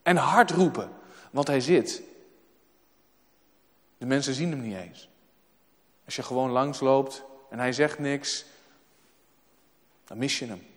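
A man's voice: medium pitch, slow pace, pauses often. A man preaching a sermon in a church, emphatic and repeating words for weight. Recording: long hall reverb.

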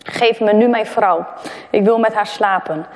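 A woman's voice: mid-range voice, measured pace, lightly acted. A woman reading the lines of an indignant young biblical man, barely acted. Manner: plainly read, barely acted. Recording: long echoing reverb of a hall.

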